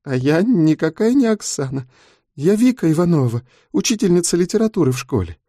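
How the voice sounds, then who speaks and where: A man's voice: fairly high pitch, big pitch swings, a little fast, warm tone, no room sound, studio quality, voice pushed up. A man voicing a frightened tearful young woman. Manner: tearful, pleading.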